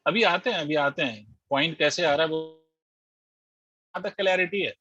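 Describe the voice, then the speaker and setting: A man's voice: fairly high pitch, normal speed, sharp tone, breathy edge, no echo. A man teaching physics in an online class, working through the steps and quizzing his students as he goes. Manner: explains step by step, quizzes students, mixes English terms into Hindi. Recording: dull lo-fi dry audio.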